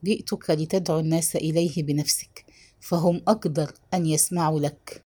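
A stubborn old man speaks low and grave in a storybook reading, as a woman puts him on. His words come measured and heavy, with a lowered, subdued voice and a lively rise and fall.

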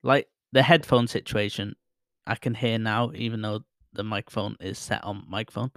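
A man casually reviews a microphone he's testing, rambling, self-deprecating and laughing at himself as he speaks close into a studio mic at his desk, headphones on. His voice is on the low side, fairly bright and steady, at a normal speed with no echo, the kind people call soothing.

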